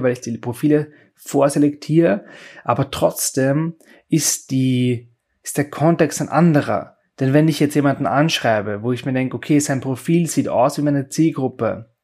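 A man talks through his points alone on a podcast, with a slightly husky, breathy voice at an ordinary middle pitch. His delivery is casual and explanatory, built around rhetorical questions he answers himself, with frequent restarts mid-sentence. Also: darkish tone. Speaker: podcast host. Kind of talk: solo podcast monologue.

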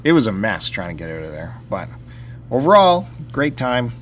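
A low-voiced man chats casually as a podcast co-host. His delivery is teasing and needling, like banter between friends, and a laptop fan hums behind him. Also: very animated, fairly quick, slight background noise. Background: loud computer fan.

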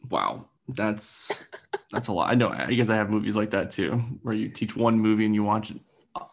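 A man co-hosting a podcast in casual chat, talking haltingly with many ums, his voice warbly and underwater-sounding from a low-quality audio connection. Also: expressive, creaky. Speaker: podcast co-host.

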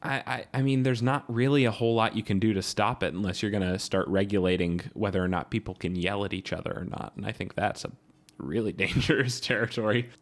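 A man co-hosting a casual podcast, speaking in a measured, wry and thoughtful way. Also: lowish voice, fairly even intonation. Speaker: podcast co-host.

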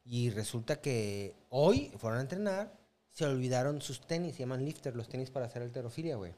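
A man's voice: mid-range voice, animated, fairly quick, a little mellow. A man with a Mexican accent in casual chat, explaining how he disciplines his son. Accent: Mexican Spanish. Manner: lecturing tone about consequences. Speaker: father.

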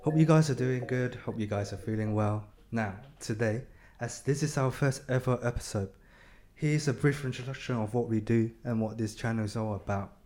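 A podcast host with a mid-range, darkish voice chats casually and easygoingly, mixing English words into his talk.

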